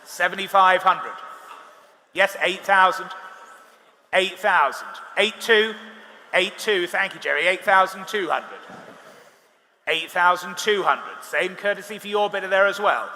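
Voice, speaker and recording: A British man working as an auctioneer, calling live bids quickly with wry, bantering asides to bidders. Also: sits high, sharp tone. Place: large reverberant auction hall. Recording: reverberant hall, amplified, faint background noise.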